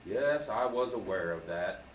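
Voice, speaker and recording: With a lowish voice and lively intonation, a man reads a children's story a little slowly at a school program, prompting the student readers as he goes. The echoey school hall was taped from far off on a camcorder mic, giving old home video tape sound with a bit of hiss or hum.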